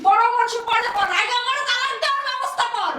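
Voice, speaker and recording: A woman acting out an enraged young bride in a web drama, her voice very high and racing, scolding and mocking. The echoey room carries a clear hum of noise behind her. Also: quick pace. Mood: furious. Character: furious cheated young bride, loud and scolding.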